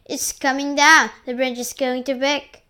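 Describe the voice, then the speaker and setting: A woman voicing a bossy, excitable mean aunt from a children's storybook, exclaiming loudly. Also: high-pitched, unhurried, exaggerated voice. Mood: alarmed, commanding. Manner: shouting, exclaiming.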